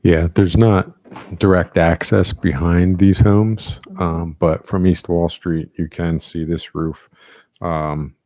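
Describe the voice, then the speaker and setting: A man with a very low voice explains details to a board, hesitant and full of fillers. His tone is dark and gravelly, and the sound is dry and close. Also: no echo. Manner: hesitant, many fillers and restarts. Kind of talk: public meeting explanation. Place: municipal meeting room.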